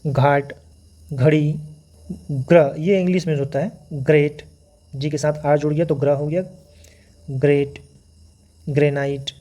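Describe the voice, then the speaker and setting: Patient male phonics teacher, mellow voice. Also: on the high side. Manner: patient, explanatory, repeats example words slowly. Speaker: English teacher. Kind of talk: phonics lesson.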